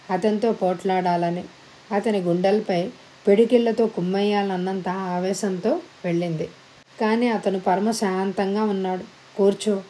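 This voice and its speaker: Woman, audiobook narrator, storybook narration, measured dramatic phrasing, mellow tone. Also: mid-range voice, slight background noise, low-quality recording.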